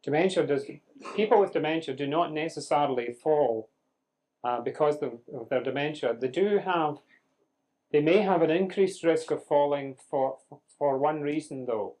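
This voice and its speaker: A man's voice: a little high, moderate pace, darkish tone. A man giving a live medical lecture, quizzing students with dry humour. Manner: conversational, questioning the class, dry humour. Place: lecture room with audience.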